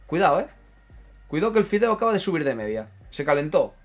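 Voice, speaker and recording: A man's voice: a little high, sing-song, quick pace, soft background music. A man, a gaming streamer chatting casually over a football management game, muttering to himself and reading out chat. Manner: banters, mutters, reads chat aloud. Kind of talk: casual gameplay commentary.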